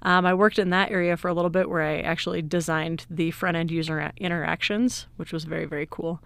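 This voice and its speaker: A woman in her thirties speaks as an interview guest, explaining things at length in a cheerful, easygoing way. Her voice is smooth and clear. The recording is close and dry, with no room sound. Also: fairly low pitch, steady tone, fast, dry recording. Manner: upbeat, laughs easily, explains at length. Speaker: guest, IT director. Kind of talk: casual interview conversation.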